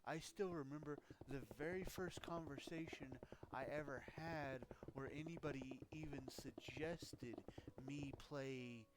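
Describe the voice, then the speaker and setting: A man's voice: on the high side, fairly even intonation, a little slow, hardly any pauses, background noise. A man chatting casually on a live stream, rambling and laughing between thoughts. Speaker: livestreamer.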